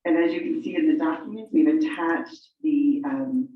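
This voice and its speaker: Chatty meeting chair with animated pitch, distant echoey mic, lo-fi. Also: moderate pace. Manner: lively, chatty, self-joking. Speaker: school board meeting chair. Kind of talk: running a meeting. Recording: distant, echoey, dull, faint noise.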